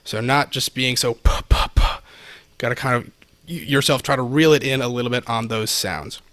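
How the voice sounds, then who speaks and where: This male podcast guest, an audio expert, talks fairly quickly with a mid-range, fairly bright voice. His informal explanation leans on practical examples, recorded dry on a close podcast microphone placed a bit to one side.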